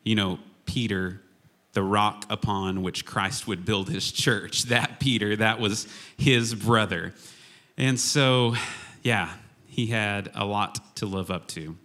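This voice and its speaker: This guest preacher, a worship and media arts pastor from Oklahoma in the United States, takes it slowly with a lowish voice and a bright, forceful tone. His sermon is humorous and casual, chatty and self-deprecating in an informal way.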